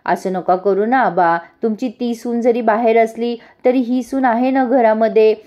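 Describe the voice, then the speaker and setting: A woman voicing a flattering young daughter-in-law who coaxes an old man in a TV serial recap. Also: on the high side, moderate pace, dull audio, lightly acted. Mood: coaxing. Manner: coaxing, fawning.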